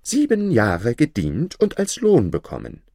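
A man's voice: medium pitch, wildly swooping pitch, a little slow, gravelly, dark tone, no room sound, clean studio sound, full character voice. A man voicing a naive, cheerful young simpleton who speaks eagerly and earnestly.

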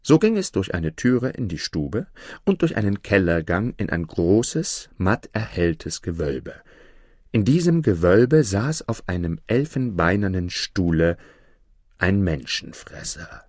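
A man narrating a fairy tale in a lively, expressive reading. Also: sits low, measured pace, no echo, studio quality. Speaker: storyteller.

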